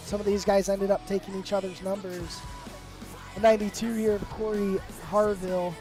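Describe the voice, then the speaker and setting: A man's voice: high voice, darkish tone. A man commentating a live sim race, upbeat and rambling with fillers, his voice worn from the flu. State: sick with flu.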